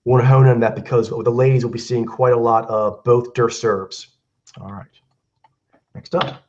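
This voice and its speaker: A man hosting a casual online talk show over a video call, slightly hoarse from a cold, talking in a loose, rambling way with many fillers. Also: mid-range voice, fairly even intonation, moderate pace, darkish tone, highs cut off. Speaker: host.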